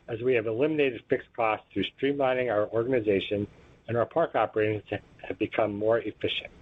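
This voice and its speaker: A company executive with a fairly low, breathy-edged voice reads aloud a scripted financial results presentation. He's formal and businesslike, reciting the figures in a measured manner, and the phone conference line sounds tinny and muffled.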